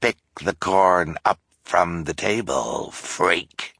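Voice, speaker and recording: A man voicing a menacing, scheming villain who talks slowly with a sneer, in an audiobook. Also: deep voice, a bit bright, slightly rough, no echo, exaggerated voice. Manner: slow, sneering.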